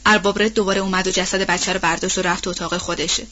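A woman's voice: lowish voice, level tone, pushed and bright, muffled recording. A woman voicing an anxious, gossipy old household nanny woman in an audiobook, talking in a rambling, colloquial way. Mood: worried. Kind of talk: audiobook role-play reading.

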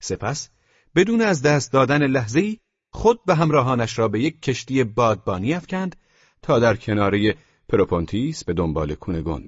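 Husky male audiobook narrator. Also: mid-range voice, dry recording. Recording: dull lo-fi dry recording.

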